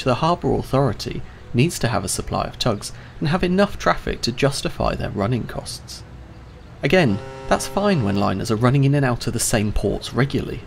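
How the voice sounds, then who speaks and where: A man giving a scripted, clear and measured explainer narration about handling ships. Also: medium pitch. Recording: voice-over with faint music behind.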